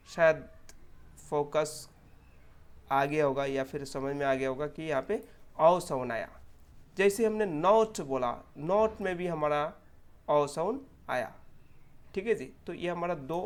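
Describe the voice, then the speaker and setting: Man, fairly high-pitched, English pronunciation teacher: patient and steady, repeats sounds slowly for learners. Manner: patient, reassuring, checks in with learners. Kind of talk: spoken English pronunciation lesson.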